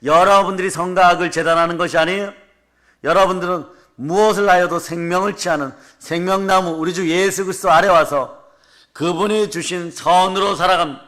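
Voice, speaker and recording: A man preaching a fervent revival sermon to a congregation, declaring blessings and prompting the listeners with quick tag questions. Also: high-pitched, fairly even intonation, fairly bright tone. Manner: emphatic declarations answered by the congregation. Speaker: pastor. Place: church service before a congregation.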